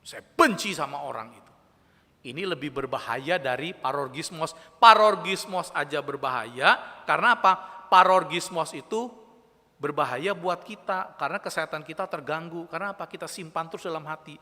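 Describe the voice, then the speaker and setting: Animated, bright-voiced male youth preacher. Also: on the high side, normal speed, in a large hall. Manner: animated, playful, asks the audience questions. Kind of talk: youth sermon. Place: church, live-streamed service.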